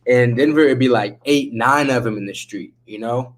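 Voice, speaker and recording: A man's voice: mid-range voice, normal speed. A man hosting a casual chat with a laid-back stoner drawl, using slang and swearing freely. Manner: slangy, profane. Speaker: livestream host chatting with viewers.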